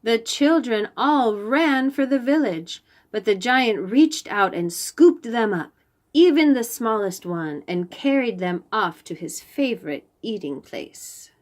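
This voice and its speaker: With a slightly high voice, a woman reads a children's storybook, deliberately and expressively stressing the key lines for her young listeners.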